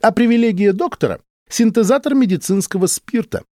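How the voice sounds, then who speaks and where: A man's voice: medium pitch, wildly swooping pitch, measured pace, a little mellow, dry recording, clean studio sound, exaggerated voice. A male narrator voicing a touchy, argumentative old doctor who speaks indignantly and insistently.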